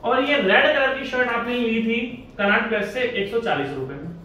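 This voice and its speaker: High-voiced chatty male tutor, echoey room. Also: normal speed, sharp tone. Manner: chatty, asks and answers his own questions. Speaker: engineering exam tutor. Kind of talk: casual Hindi lecture. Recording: echoey room from far off, faint hiss.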